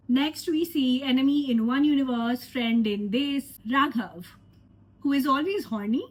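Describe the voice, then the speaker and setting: A woman reviews a trailer in a casual, sarcastic way. Her voice is high and husky, stuffed up from a cold. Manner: opinionated, sarcastic. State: congested with a cold. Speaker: film reviewer.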